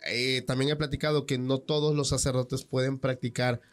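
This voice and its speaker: A man hosting a paranormal podcast, asking curious follow-up questions in relaxed chat. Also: medium pitch, moderate pace. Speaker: podcast host.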